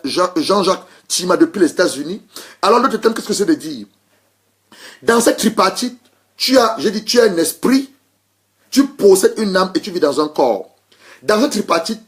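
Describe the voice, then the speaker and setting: A man preaching a sermon as pastor, driving points home by repeating phrases, with frequent restarts and hesitations, and greeting listeners by name. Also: sits high. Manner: emphatic repetition, welcomes online listeners.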